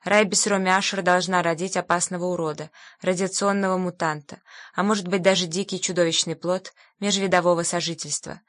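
A woman's voice: fairly low pitch, fairly even intonation, brisk, fairly bright tone, dry recording, clean studio sound, lightly acted. A woman voicing a stern, ruthless male cardinal in an audiobook, giving cold commands.

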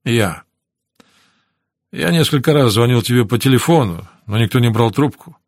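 A man's voice: mid-range voice, lively intonation, normal speed, dry recording, studio quality. A man reading as a kind, caring friend. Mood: gentle. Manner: gentle and warm. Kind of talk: audiobook character reading.

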